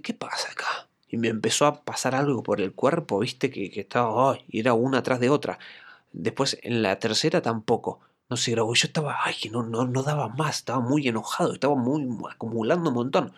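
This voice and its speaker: A man with an Argentine Spanish accent hosting a solo podcast, telling a reflective personal anecdote in a conversational way. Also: medium pitch. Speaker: podcast host and acting coach.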